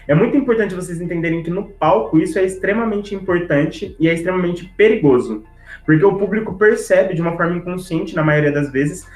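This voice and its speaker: Teaching public speaking in an online class, a man talks fast and with energy, checking in with listeners through tags like "tá?" and "né?" and deliberately speeding up to fit all the content in. His voice sits high. Over the video call setup, the recording sounds reverberant and low-quality.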